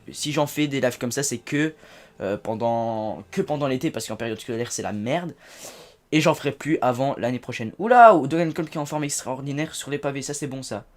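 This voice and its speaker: A man hosting a casual let's-play video, chatty and excitable, with sudden loud outbursts between low asides. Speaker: gaming video host.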